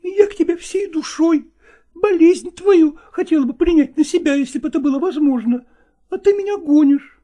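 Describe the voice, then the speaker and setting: Tearful, clingy young actress voiced by a male narrator in an audiobook, high falsetto-like pitch and dark, mellow tone. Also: moderate pace. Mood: tearful reproach. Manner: high, pleading and reproachful, tearful. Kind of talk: audiobook character reading.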